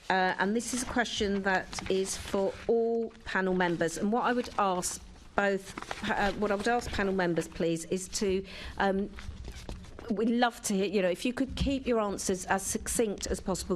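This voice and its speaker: A woman chairs a council committee in its chamber, her voice sitting at an ordinary middle pitch. She works through formal procedure in a measured way. Now and then she hesitates and restarts a sentence. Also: a little hiss or hum.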